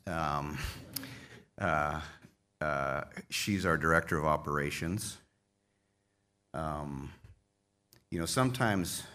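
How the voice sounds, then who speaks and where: A man with an extremely low, deep voice speaks from a conference stage microphone. He thanks his team in a heartfelt, folksy way, wry and openly emotional. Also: a bit bright. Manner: folksy, self-deprecating humor. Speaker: association leader addressing members. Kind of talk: conference speech thanking staff.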